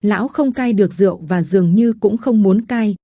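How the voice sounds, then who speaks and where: A woman reads a story aloud in a steady, even way. Her voice is dark and mellow, and the recording is dry and close with no room sound. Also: medium pitch, brisk, dry recording. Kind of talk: scripted story narration.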